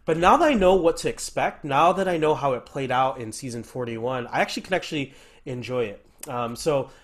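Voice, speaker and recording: A man's voice: medium pitch, a little fast. A man chatting casually as a guest on a podcast, with an enthusiastic, talkative manner.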